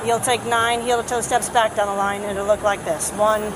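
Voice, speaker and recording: A woman's voice: medium pitch, flat delivery, fairly quick. A woman police officer giving roadside test instructions in a patient but firm, procedural way, recorded on a body camera outdoors. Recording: noisy outdoor bodycam, traffic around.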